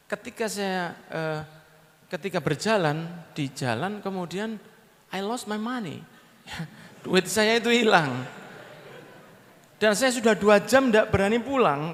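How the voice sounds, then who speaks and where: A man's voice: high-pitched, fairly bright tone. A man with a Javanese accent voicing a frightened, tearful young enslaved girl in a sermon story. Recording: long echo of a large hall.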